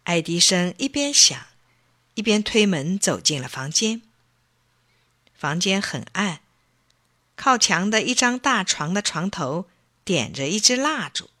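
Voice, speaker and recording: Slow, lively older woman storyteller. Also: medium pitch, dry recording, clean studio sound. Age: 60s. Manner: slow, expressive reading. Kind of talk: children's story narration.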